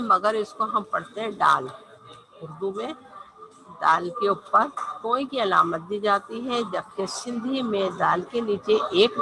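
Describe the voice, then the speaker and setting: A woman's voice: mid-range voice, noisy background. A woman teacher giving an online language lesson, patiently spelling out and repeating each letter.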